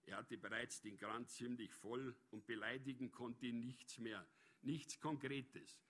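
A man reading a story aloud in measured, even audiobook narration. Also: mid-range voice.

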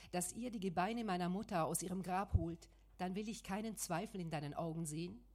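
A woman's voice: medium pitch, lightly acted. A woman reading as a bitter, accusing man. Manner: loud, accusing. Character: angry grieving man filming, bitter and defiant. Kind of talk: audiobook reading.

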